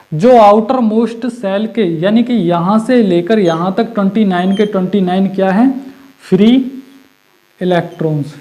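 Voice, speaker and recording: High-voiced male teacher. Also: warm tone. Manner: asks questions and answers them himself, repeats key terms; mixes Hindi with English terms. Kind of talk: exam-prep physics lecture.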